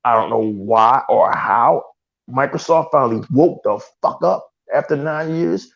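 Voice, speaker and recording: A man's voice: mid-range voice, lively intonation, a little slow, gravelly, dull audio. A man co-hosting a gaming podcast, ranting in heated, profane casual talk and mocking rivals with put-on voices. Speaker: podcast co-host.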